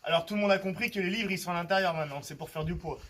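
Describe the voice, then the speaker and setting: A man's voice: sits high, rapid-fire, fairly bright tone, slight background noise, rough recording. A man, a fitness coach, explaining and demonstrating home workout exercises, often checking in with his listeners. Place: outdoor terrace at home.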